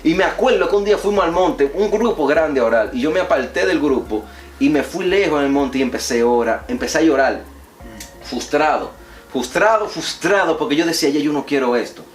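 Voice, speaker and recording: A man's voice: on the high side, animated, fairly quick, reverberant, soft background music. A man, an evangelist guest, telling his testimony in an earnest, preachy conversational way.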